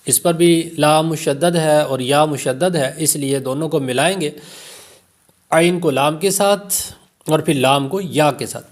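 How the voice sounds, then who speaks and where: A man with a Pakistani Urdu accent, his voice sitting a little high for a man, teaches Quran recitation for beginners. He rattles through rules for each letter, then stretches every word out in careful, slow recitation. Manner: slow drawn-out recitation of single words between quick explanations. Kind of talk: tajweed lesson, explaining then reciting words slowly.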